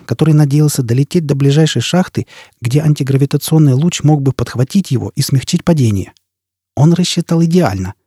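Man reading a novel aloud, husky dark voice, dramatic. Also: medium pitch, dry recording, clean studio sound. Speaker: narrator. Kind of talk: audiobook narration.

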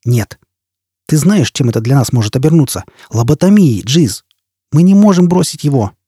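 A man voicing a fierce, furious young woman in an audiobook, raging and shouting. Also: fairly high pitch, expressive, normal speed, slightly rough, no room sound, clean studio sound. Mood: desperate.

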